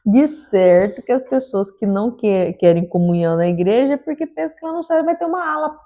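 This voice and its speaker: A woman's voice: on the high side, animated, warm tone. Earnest woman in faith chat. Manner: earnest, preachy, halting with restarts. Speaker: podcast co-host.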